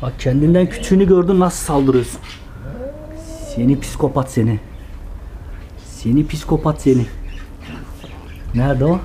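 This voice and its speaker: A pet owner gently coaxing and scolding cats in singsong baby talk. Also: mid-range voice, moderate pace, pauses often, a little hiss or hum.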